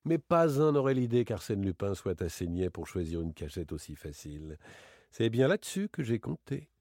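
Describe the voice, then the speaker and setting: A man voicing a playful, boastful gentleman thief in a dramatic audiobook reading, teasing and theatrical. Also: sing-song, moderate pace, dry recording, studio quality. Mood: mocking, boastful. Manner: teasing, theatrical, swings between bright exclamations and low asides.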